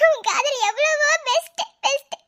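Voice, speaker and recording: A woman's voice: extremely high pitch, moderate pace, sharp tone. A woman voicing Ananya, a heartbroken young woman in a cartoon love story who speaks while crying and laughing through tears. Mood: heartbroken, tearful.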